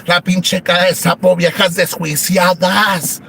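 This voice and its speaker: A man's voice: high-pitched, flat delivery, slow, gravelly, a bit bright, slight background noise. A man with a Mexican accent doing a crude comedic rant in a brash female persona, mixing English words into his Spanish and constantly calling out to "guys".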